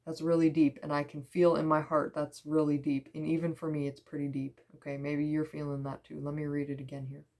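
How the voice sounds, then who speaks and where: A young woman from the Midwest giving a spiritual pick-a-card reading in a gentle, reassuring, chatty way, wandering into small asides. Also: low voice, level tone, brisk, hardly any pauses. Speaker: tarot card reader.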